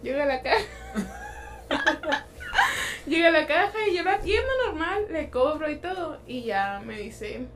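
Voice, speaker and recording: High-voiced young woman chatting. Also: expressive, fairly quick, hardly any pauses, a little hiss or hum. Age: young adult. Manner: chatty storyteller, laughs through her anecdotes. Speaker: podcast guest. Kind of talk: casual chat.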